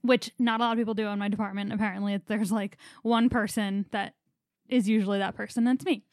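Talking fast in a steady, mid-range, slightly mellow voice, this young podcast co-host rambles through long, anxious stories during a casual chat. The sound is clean studio audio with no room sound.

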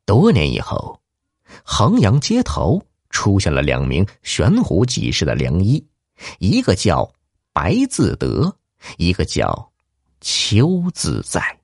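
Low, very animated male storyteller. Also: slow, creaky, slightly rough, no echo, clean studio sound. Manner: dramatic, highly animated narration. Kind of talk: storytelling for children.

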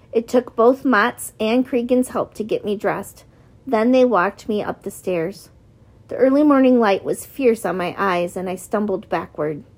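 Woman reading a novel aloud. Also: medium pitch. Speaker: narrator. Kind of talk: audiobook reading.

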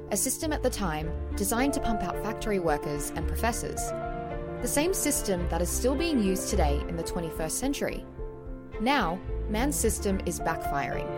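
A woman reading a scripted podcast intro in a dramatic, emphatic way. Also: mid-range voice. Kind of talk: scripted narration. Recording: loud music under voice.

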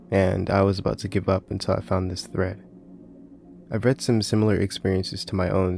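A man's voice: sits low, vocal fry, a little mellow. A man hosting and narrating scripted horror stories, recorded in a closet with a slightly muffled home sound. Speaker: horror story narrator and host.

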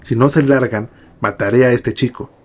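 A man's voice: medium pitch, moderate pace, breathy edge, close to an everyday voice. A man voicing a desperate, cursed young woman who speaks coldly and threateningly in a horror story reading. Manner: cold, threatening.

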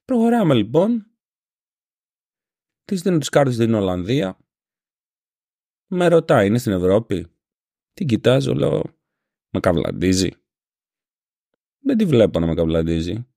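Gravelly, grumbling Greek man with a Syros accent. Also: medium pitch, big pitch swings, long pauses, dark tone, no echo, studio quality. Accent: Syros island Greek. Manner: grumbling, sarcastic storyteller. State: slightly ill. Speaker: podcast host. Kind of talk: casual monologue podcast. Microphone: home podcast microphone.

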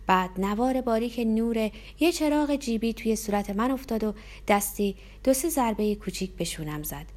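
A woman's voice: on the high side, animated, darkish tone. Female audiobook narrator, tense dramatic first-person story reading.

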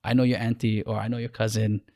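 A man's voice: on the low side, little pitch movement, creaky, dark tone. A man from Hawaii with a Hawaiian accent, chatting casually on a podcast, full of restarts and fillers. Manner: halting, many restarts and fillers. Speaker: podcast co-host, clothing brand owner.

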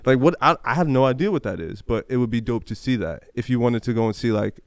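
A man's voice: medium pitch, animated, fast talker, no echo. A man hosting a casual conversation, talking in loose slang with lots of fillers and restarts. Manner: slangy, rambling, many fillers.

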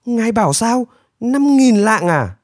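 A greedy, boastful storybook man, whining and crowing in a high, shrill sing-song that leaps all over the place, as a male narrator puts him on. The sound is dry and close, with no room around it. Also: very animated, slow pace, no echo. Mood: shocked. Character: greedy boastful middle-aged man, whiny coward. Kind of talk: storybook character voice.

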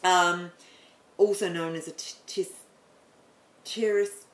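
A woman explaining the planets in a chatty way, then leading a guided meditation with slow, soothing instructions and some stumbles. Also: fairly low pitch, steady tone, roomy sound, rough recording. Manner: chatty, apologetic, stumbles over words.

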